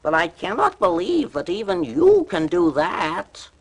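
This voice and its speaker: A crafty, daring storybook tomcat with a lofty, sly voice that swoops wildly up and down , as a male narrator puts him on. He speaks in a slow, drawn-out and theatrical manner. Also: wildly swooping pitch, vocal fry, heavily acted. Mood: sly coaxing. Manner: sly, theatrical, high put-on voice. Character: clever bold male talking cat.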